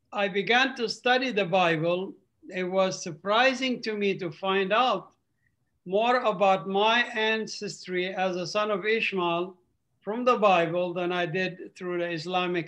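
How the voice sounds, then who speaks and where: A man's voice: high voice, fairly bright tone. Earnest older man. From Palestinian, raised in Saudi Arabia and Qatar. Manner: earnest, halting with frequent uhs. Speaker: ministry speaker. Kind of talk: testimony on a video call. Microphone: video call.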